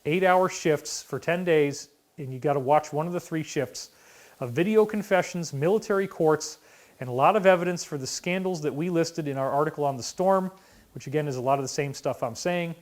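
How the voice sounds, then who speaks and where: A man delivering an emotional commentary monologue, emphatic and prone to sudden loud outbursts. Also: on the high side, a little fast. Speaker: online commentator.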